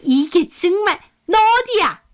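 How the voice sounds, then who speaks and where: A woman voicing a greedy, shrill middle-aged mother-in-law who screeches and scolds in a storytelling radio drama. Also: a little slow, fairly bright tone. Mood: shrieking furious.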